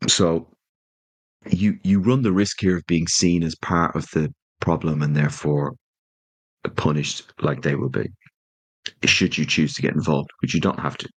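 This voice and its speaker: A man's voice: a bass voice, fairly even intonation, a little slow, slightly rough, no room sound. A man narrating as game master and setting scenes loosely and descriptively.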